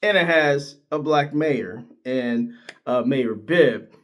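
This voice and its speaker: A man's voice: slow, noisy background. A middle-aged man from Northeast Ohio giving casual, opinionated sports commentary, his voice leaping up when he gets worked up. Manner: animated, opinionated, pitch jumps high when worked up.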